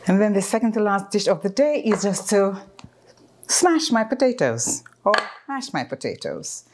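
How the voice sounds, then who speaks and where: A woman's voice: mid-range voice, very animated, moderate pace, background noise. A woman in her fifties hosting a casual home cooking video, chatting and explaining as she works, with frequent ums, recorded in her home kitchen. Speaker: cooking channel host.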